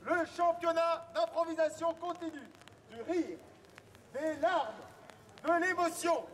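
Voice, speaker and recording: A man's voice: extremely high pitch, slight background noise. A man works as a town crier, declaiming announcements and messages aloud in a public street. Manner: declaimed, projected public crying. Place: outdoors in an urban street. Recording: outdoor street recording with crowd. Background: crowd and street sounds.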